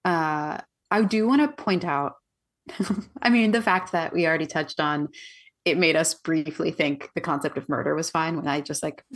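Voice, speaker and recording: A woman's voice: sits low, moderate pace, husky. A woman co-hosting a podcast, with a playful, giggly and slightly hesitant way of talking. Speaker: podcast co-host. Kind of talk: casual chat.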